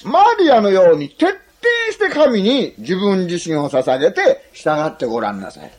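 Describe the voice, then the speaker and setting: A male preacher whose husky voice swings widely up and down as he talks. He delivers his sermon in a chatty, joking way. He keeps tagging his points with a questioning "ne" for the congregation. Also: sits high, very animated, moderate pace, a little mellow. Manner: chatty and humorous, often adds a questioning "ne"; asks the listeners questions.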